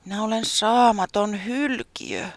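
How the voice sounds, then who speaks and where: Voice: mid-range voice, very animated, gravelly, no room sound, voice pushed up. A narrator voicing a glum, mumbling sheep painter. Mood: gloomy. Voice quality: soft, half-whispered. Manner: mumbling and downcast. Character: gloomy, self-doubting sheep painter. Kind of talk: storybook character voice.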